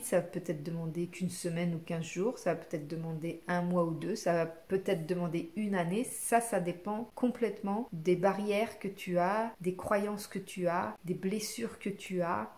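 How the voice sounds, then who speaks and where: A woman vlogger talking casually to the camera and giving advice, lively, with many fillers, acting out inner voices now and then. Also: lowish voice. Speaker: self-development vlogger.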